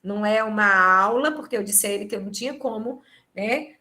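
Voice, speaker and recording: A woman's voice: medium pitch, a little fast, sharp tone. A woman with a Brazilian Portuguese accent teaching a live online exam-prep class, explaining step by step and checking in with tag questions, on a computer microphone. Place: home or office, live video conference. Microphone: computer microphone on video call.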